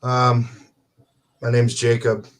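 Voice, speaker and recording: A man's voice: mid-range voice, completely flat delivery, takes it slowly. A young man, a beatboxer and guitarist, talking on a podcast with dry, matter-of-fact humor. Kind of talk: casual podcast chat.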